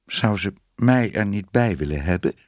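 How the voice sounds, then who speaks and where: A man voicing a young female cat turned into a woman, speaking meekly and pleadingly, raised in pitch, in a storybook reading. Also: expressive, normal speed, no echo, clean studio sound, close to an everyday voice. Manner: meek and pleading.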